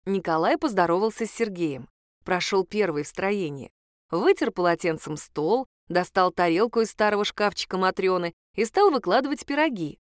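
A woman reading a first-person audiobook in a calm, wry storytelling manner, in a dry recording. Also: mid-range voice, moderate pace, no room sound. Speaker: audiobook narrator.

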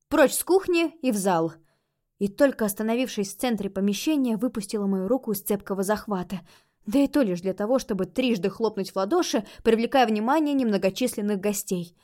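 A woman narrating a first-person audiobook in an expressive, lively way. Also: fairly high pitch.

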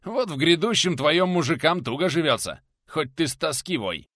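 A man's voice: mid-range voice, very animated, moderate pace, no echo, studio quality, voice pushed up. A man voicing a brash bearded young warrior who barks his lines. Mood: gruff. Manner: loud barking retorts.

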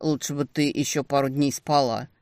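A woman's voice: rumbling low, steady tone, moderate pace, darkish tone, no room sound. A woman playing a cocky, possessive male demon in an audiobook, in a mocking, smug tone close to her own voice. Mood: teasing.

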